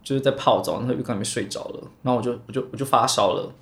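With a mid-range voice, a young man races through a long personal story as co-host of a chat podcast. He rambles, restarting often and repeating words.

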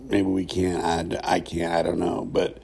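A middle-aged man reflects aloud in a solo podcast. His voice is dark and gravelly, and he speaks slowly and thoughtfully with many pauses. There is faint noise in the background. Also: low voice, flat delivery. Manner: thoughtful, halting, pausing often. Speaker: podcast host, former pastor.

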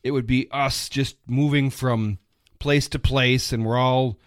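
A man's voice: mid-range voice, steady tone, unhurried, dry recording, studio quality. A man in his fifties, a podcast host, chatting casually and enthusiastically about movies in a rambling way. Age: 50s.

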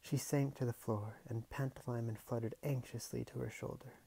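A man's voice: medium pitch, fairly even intonation, normal speed, vocal fry, dark tone, husky. A man reading a novel aloud at home, breaking off for casual remarks to himself. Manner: casual asides to himself between passages. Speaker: audiobook reader.

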